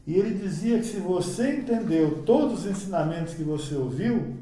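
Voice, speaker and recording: A man's voice: high-pitched, lively intonation, moderate pace, mellow. Man lecturing in an echoey room. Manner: explanatory, frequent "né?" tag questions. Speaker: judo lecturer. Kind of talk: slide lecture. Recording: echoey room, distant mic.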